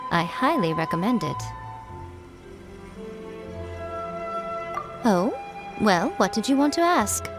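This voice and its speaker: A woman voicing a sly, elegant shrine priestess in a video game, coy, playful and unhurried. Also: medium pitch, big pitch swings, close to an everyday voice. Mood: inviting. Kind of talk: video game dialogue acting. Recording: music behind the voice.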